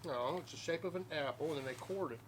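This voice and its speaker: A man's voice: on the high side, quick pace. A middle-aged man with a Southern US accent hosts a casual snack tasting, chatting in a folksy way as he crunches and chews. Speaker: host of a family snack taste-test video. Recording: noticeable background noise.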